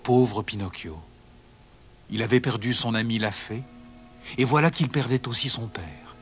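A man narrating a children's storybook in a dramatic, expressive way. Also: mid-range voice, a little slow. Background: music.

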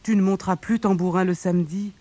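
A storyteller voicing a woman who runs a riding stable, speaking low and soft. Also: steady tone, fast talker, no echo, close to an everyday voice. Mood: regretful. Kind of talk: storybook reading.

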